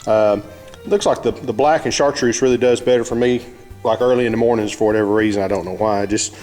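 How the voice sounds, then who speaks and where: A man's voice: fairly low pitch, steady tone, quick pace, darkish tone, soft background music. Folksy man with an Arkansas Southern accent. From Arkansas, United States. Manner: folksy, plain-spoken. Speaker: fishing show host. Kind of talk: casual how-to demonstration.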